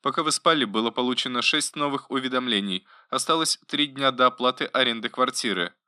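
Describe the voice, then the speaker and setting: A man voicing a gentle caring robot assistant. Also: mid-range voice, a little fast, smooth, no room sound, clean studio sound. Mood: polite. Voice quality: pleasant, solicitous voice. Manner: softly attentive, politely informative. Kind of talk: audiobook narration.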